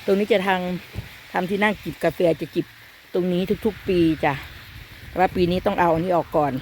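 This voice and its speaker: A woman's voice: fairly low pitch, a little fast, a little mellow. Woman, Isan accent, casual vlog talk, self-mocking, exclamatory, outdoors, faint background noise. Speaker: vlogger mother. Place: outdoors in a garden.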